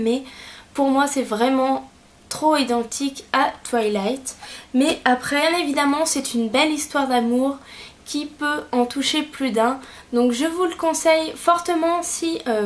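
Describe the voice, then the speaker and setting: A young woman giving a casual book review on her vlog, speaking hesitantly with frequent filler pauses. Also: sits high, a little hiss or hum.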